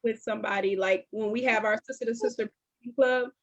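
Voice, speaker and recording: A woman hosting a casual talk show, relaxed and conversational, sometimes drawling her words slowly. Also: a little high, lo-fi sound. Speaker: host. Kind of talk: casual chat.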